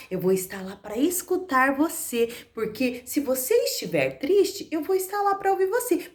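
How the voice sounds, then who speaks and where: A woman with a slightly high voice teaches young children in an online class, speaking slowly in an exaggerated, sing-song manner.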